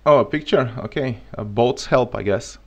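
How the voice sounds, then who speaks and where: Speaking at normal speed in a medium pitch, a man who is a native Bulgarian speaker with a matching accent teaches programming on a live coding stream. He thinks out loud while working and cracks relaxed jokes into the desk mic at his computer.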